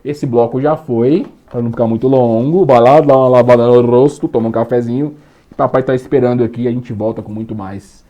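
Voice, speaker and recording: A man's voice: medium pitch, fairly even intonation, brisk, dark tone, lo-fi sound. Man, law professor, online lecture, slangy, jokey, checks understanding. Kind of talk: online exam-prep lecture.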